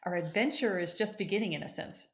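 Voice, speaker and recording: Woman guest on a podcast, grew up in japan, chatty, mid-pitch voice, lots of "right?". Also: quick pace. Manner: conversational, with restarts and frequent "right?". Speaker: executive coach. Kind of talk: interview guest telling her story.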